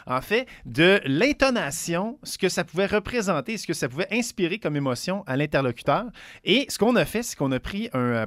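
A man's voice: on the high side, a bit bright, dry recording, clean studio sound. A man with a Quebec French accent co-hosting a radio show, explaining things eagerly and acting out intonations between laughs. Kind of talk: casual radio chat.

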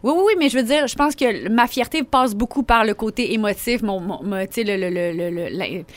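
A woman's voice: mid-range voice, fairly quick, no room sound. A woman, a guest chatting candidly and laughing easily. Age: 30s. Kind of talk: casual chat.

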